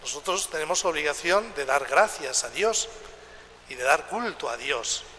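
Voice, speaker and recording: A male priest reading scripture and preaching at Mass in an echoing church, speaking in measured short phrases with pauses. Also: fairly high pitch, animated, sharp tone. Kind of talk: liturgical Gospel reading and homily. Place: large reverberant church, public address during Mass. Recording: echoing church with long reverb, background noise.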